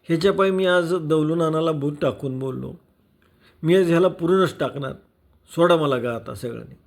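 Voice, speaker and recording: A man voicing a young village man who is furious and close to tears, shouting. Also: a little high, normal speed, vocal fry. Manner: shouting, choked with anger.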